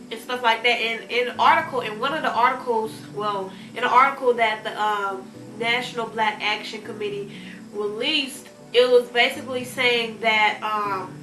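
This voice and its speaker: Rambling woman host, bright echoey voice. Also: on the high side. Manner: rambling, many ums and restarts. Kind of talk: casual commentary.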